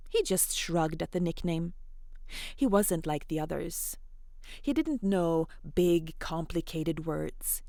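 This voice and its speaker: Her voice on the low side, a female storyteller hosts an interactive children's fairy tale, encouraging and playful, with lively, chatty asides to the kids. It's recorded with studio quality and no echo.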